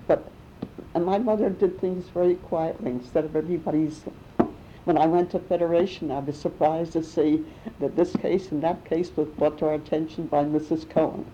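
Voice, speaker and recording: Older woman reminiscing, low and dark. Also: steady tone, moderate pace. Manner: rambling, warm storytelling with restarts and small laughs. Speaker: interviewee. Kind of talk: oral history reminiscing. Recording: muffled with faint rumble.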